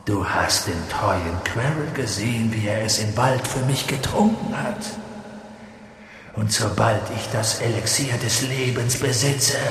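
A man voicing a cold, cruel male dark wizard in an audiobook, talking low and slow with sudden shrieks. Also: heavy reverb, big-room sound, slight background noise. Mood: menacing. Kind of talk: audiobook character voice.

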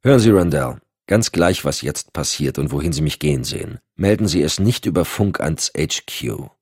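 A man's voice: very deep voice, lively intonation, moderate pace, slightly rough, dry recording, exaggerated voice. A man voicing a cool, dry-witted male special agent who speaks curtly. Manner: curt, matter-of-fact.

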